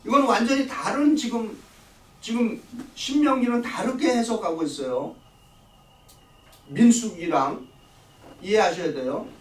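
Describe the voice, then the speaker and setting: Slow and with long pauses, a middle-aged man whose voice sits high leads a church Bible study. He lectures, fires questions at the class, then answers them himself, sounding distant in an echoey room.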